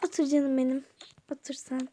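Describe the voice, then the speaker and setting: Woman plays a sweet fussing aunt in a toy-game story, very high voice, calls everyone dear. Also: moderate pace, darkish tone, a little hiss or hum, lightly acted. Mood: fond. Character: kind caring aunt, middle-aged woman. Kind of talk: toy game role-play voice-over.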